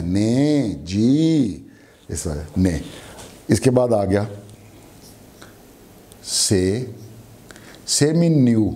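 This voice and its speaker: Brief: male teacher, Pakistani accent, slow drilled repetition, lowish mellow voice. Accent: Pakistani Urdu. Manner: slow, repeats each word and its meaning. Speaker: language teacher. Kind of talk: beginner language lesson.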